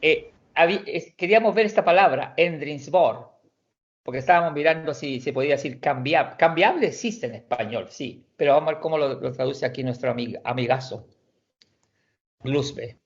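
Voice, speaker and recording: A man teaching a language class over an online call, his voice a little high. He explains slowly, restarting and repeating words as he goes. The audio is muffled and dull, like a video call. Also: expressive. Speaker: Swedish teacher.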